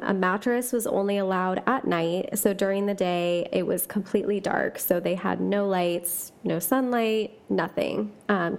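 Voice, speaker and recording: Woman, podcast host, gravelly fry, casual rambling delivery, mid pitch. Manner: chatty, many fillers and asides. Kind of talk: casual chat, reading ghost stories aloud.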